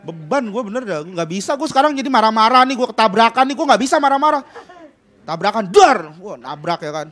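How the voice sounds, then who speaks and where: High-voiced ranting stand-up man. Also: big pitch swings, a little fast, fairly bright tone, some chatter behind. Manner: mock-indignant ranting. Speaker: stand-up comedian. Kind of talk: stand-up comedy routine. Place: television studio stage with audience.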